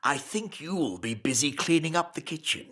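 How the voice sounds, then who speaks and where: A man's voice: fairly high pitch, expressive, normal speed, fairly bright tone. A man voicing a bumbling, exasperated fairy king in a children's cartoon. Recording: music behind the voice.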